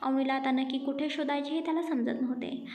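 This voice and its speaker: A woman narrating a dramatic audio story in a steady storytelling manner. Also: high-pitched, quick pace. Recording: echoey room with faint music.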